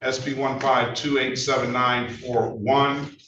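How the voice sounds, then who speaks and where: A man serving as judge, running through cases in a brisk, matter-of-fact, procedural way, heard in a courtroom recording. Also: mid-range voice, little pitch movement, bright, forceful tone. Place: courtroom or judge's meeting room. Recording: courtroom recording, roomy, distant, muffled, noisy.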